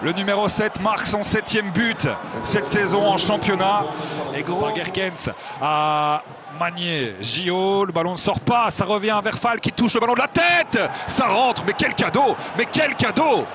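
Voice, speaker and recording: A male football commentator describing the play live in an excited style. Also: sits high, measured pace. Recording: crowd and stadium noise.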